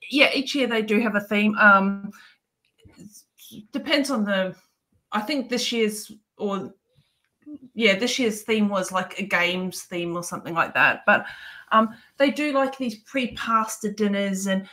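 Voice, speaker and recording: A New Zealand woman co-hosting a podcast chats casually in a sharp-toned, mid-range voice at a slightly slow pace. She is talkative but hesitant, filling her speech with lots of ums.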